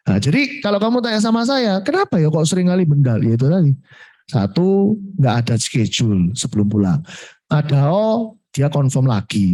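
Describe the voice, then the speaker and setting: A man giving a coaching talk to insurance agents, lively, mixing in English words and acting out what clients say. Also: on the high side. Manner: lively, mixes in Javanese and English words, acts out client replies. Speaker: sales coach.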